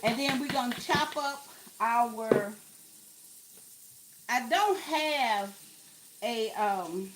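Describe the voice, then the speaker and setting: Chatty woman, high voice, unhurried home-kitchen cooking vlog, light pan sizzle. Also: lively intonation, noisy background. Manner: chatty, talks to viewers as "y'all", exclaims over the food. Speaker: cooking vlogger. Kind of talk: casual cooking chat.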